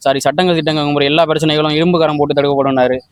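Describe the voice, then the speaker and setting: Brief: young man, heated and stumbling, high and fast, dry sound. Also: steady tone. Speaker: interviewee. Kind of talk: casual opinion interview.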